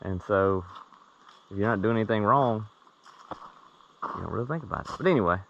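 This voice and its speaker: A man talking casually to camera at home, rambling and easygoing, often trailing off into quiet asides. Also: on the low side, lively intonation, a little fast, gravelly, lo-fi sound. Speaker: vlogger. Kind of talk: casual video outro. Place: at home after a ride.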